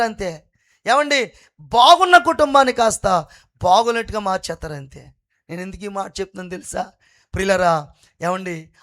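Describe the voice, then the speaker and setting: A man preaching a fervent sermon at an all-night prayer meeting, repeatedly calling on the congregation to praise God loudly. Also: high voice. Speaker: pastor.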